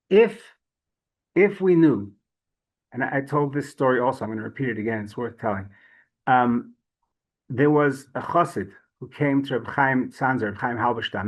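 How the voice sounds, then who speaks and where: A man teaching a Torah class, telling stories in a chatty way with frequent restarts and lively swings in pitch. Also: normal speed, long pauses, rough recording. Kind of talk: storytelling Torah lesson.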